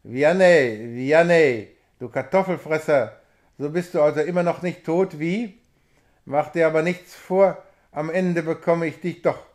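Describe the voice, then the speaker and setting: A man voicing a menacing, mocking male devil who croaks his taunts loudly in a read-aloud story. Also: a little high, a little slow, natural voice. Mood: taunting. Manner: loud, mocking and hoarsely croaking.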